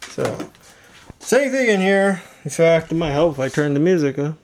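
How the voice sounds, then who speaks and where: A slightly high, expressive male voice guides an informal video tour of home rooms and a workshop at a moderate pace. The host rambles with stop-start phrasing, and the audio carries obvious room noise and clicks.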